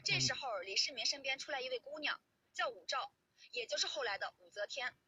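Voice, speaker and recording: Woman reading history script, high lively voice, chatty storyteller way, faint music under it. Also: brisk, slightly rough, no room sound. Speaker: narrator.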